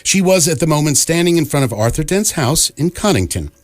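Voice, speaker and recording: A man with a fairly high voice plays the wry, deadpan narrator of a science fiction radio comedy, reading scripted narration in a measured, dry and informative way.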